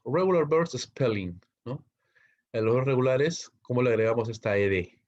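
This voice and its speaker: A man with a medium-pitched voice gives an online English grammar lecture, walking through it step by step and checking in with students after almost every line. The recording sounds muffled.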